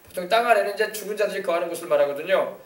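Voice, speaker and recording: A man's voice: sits high, very fast. A male pastor preaching a sermon in an emphatic way, often checking that the congregation agrees. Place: church sanctuary. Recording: echoey church hall, mic at a distance.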